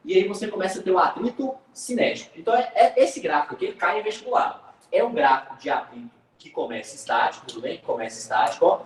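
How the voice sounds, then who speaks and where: A man teaching physics in an online class, lively and joking, speaking with a Brazilian Portuguese accent and calling students by name. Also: on the high side, fast, echoey room, distant mic, low-quality recording.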